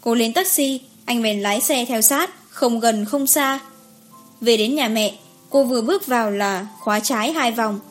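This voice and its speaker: A woman reading an audiobook story in a steady narrating voice. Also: fairly high pitch. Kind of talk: scripted narration.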